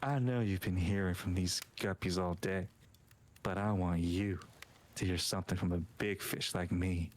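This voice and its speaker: A man's voice: low voice, steady tone, normal speed, natural voice. A man voicing a cocky, flirty male pop-star killer, reading game lines on a live stream in a sleazy, teasing manner. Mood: sleazy flirt. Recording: loud game music behind.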